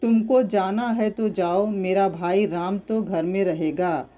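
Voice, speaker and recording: A narrator reading the lines of a sick, irritable husband in a slow, even voice. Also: mid-range voice, lo-fi sound, lightly acted.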